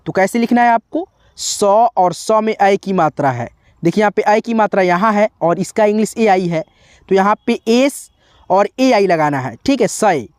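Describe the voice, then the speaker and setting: Slow patient male tutor, dry close sound. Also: high-pitched, animated, clean tone, no room sound. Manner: slow, repetitive, spells letters out one by one; keeps addressing viewers as friends. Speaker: teacher. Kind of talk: tutorial explaining spelling on a board.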